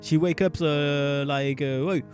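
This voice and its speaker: Mellow-voiced man rambling through a let's play. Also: fairly high pitch, fairly even intonation, slow pace. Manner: casual, rambling, self-deprecating, many fillers and restarts. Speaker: gamer playing through a game. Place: at home, alone at night. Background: faint background music.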